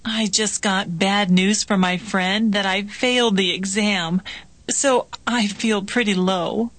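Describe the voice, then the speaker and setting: A woman reading scripted practice dialogues for a language lesson in a clear, measured way. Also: mid-range voice, fairly even intonation, a bit bright, no room sound.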